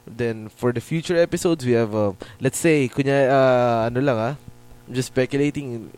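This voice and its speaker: A man's voice: medium pitch, moderate pace, clean tone. A Filipino man co-hosting a casual podcast chat, laughing often and mixing English in. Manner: laughs often, mixes Tagalog and English, animated. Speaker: podcast co-host.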